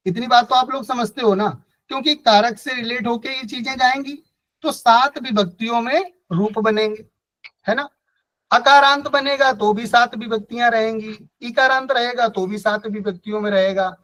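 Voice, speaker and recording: A man's voice: very high voice, a bit bright, rough recording. A man teaching a Sanskrit grammar class, explaining step by step and asking the class questions, with a Hindi-speaking North Indian accent. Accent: Hindi-speaking North Indian, from Kanpur area. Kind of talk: online class lecture.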